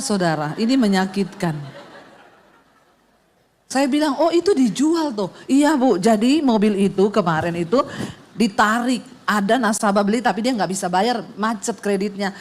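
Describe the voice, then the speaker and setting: A middle-aged woman pastor, telling a funny story in a sermon and acting out the sounds and voices in it. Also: medium pitch. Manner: animated and humorous, acts out sounds and dialogue.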